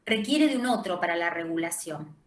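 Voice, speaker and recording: A woman's voice: fairly low pitch, lively intonation, brisk, echoey room, low-quality recording. A woman lecturer with a Rioplatense Spanish accent giving an online class, explaining with frequent hesitations and fillers. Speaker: university lecturer.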